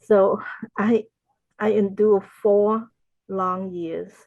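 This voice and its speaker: Slow, earnest older woman from Cambodia. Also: mid-range voice, fairly even intonation, gravelly, a little mellow, no room sound, muffled recording. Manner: slow, earnest, faith-filled storytelling. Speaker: podcast guest, wellness consultant. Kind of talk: interview answers, personal testimony.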